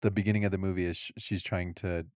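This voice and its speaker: A man's voice: low voice, flat delivery, quick pace, darkish tone, no echo, studio quality. A young adult man co-hosting a podcast, teasing and joking in casual chat. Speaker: podcast co-host.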